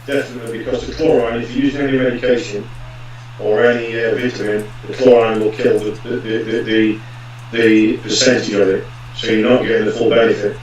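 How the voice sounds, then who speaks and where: A man's voice: medium pitch, flat delivery, brisk, slight background noise. A man, a pigeon racing expert, explaining earnestly on a live stream, his voice ringing with heavy hall-like echo. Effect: heavy echo, like talking in a big hall. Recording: very echoey, distant, dull lo-fi audio with faint ambience.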